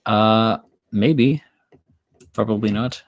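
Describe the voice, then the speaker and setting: A man reading his own story aloud on a live stream, relaxed, with chatty asides and self-corrections. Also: lowish voice, slow.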